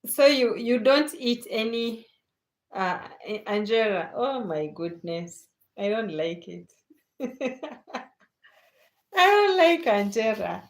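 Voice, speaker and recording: A Kenyan woman hosts a laid-back late-night livestream, reading viewer comments and laughing often as she chats without hurry. Her voice sits a little high and has a sing-song lilt, and she talks slowly with long pauses.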